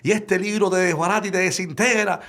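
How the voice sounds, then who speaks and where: A man's voice: sits high, steady tone, fairly quick, a bit bright, pitched above the performer's own voice. A man doing an ominous street preacher. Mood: warning. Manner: ominous, warning sermon tone. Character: street preacher warning about a deadly book.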